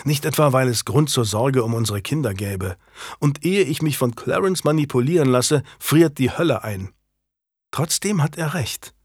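A man voicing a sharp-tongued noblewoman, a wronged wife who turns scornful and biting, in an audiobook. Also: mid-range voice, lively intonation, moderate pace, breathy edge, no echo, studio quality. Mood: tense. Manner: scornful, biting, rising to shouted accusations. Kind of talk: audiobook character reading.

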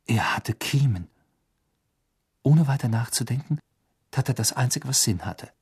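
Husky guy reading an audiobook, lively storytelling, dry close sound. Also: mid-range voice, unhurried, dry recording. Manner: lively storytelling with voiced quotes. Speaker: audiobook narrator. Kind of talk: scripted audiobook narration.

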